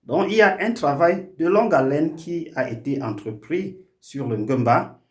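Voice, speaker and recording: A man who is a language activist and hosts a YouTube channel makes a formal, earnest, oratorical appeal to his community, hesitating often. His voice is on the high side with lively intonation at a moderate pace, and the room sounds echoey.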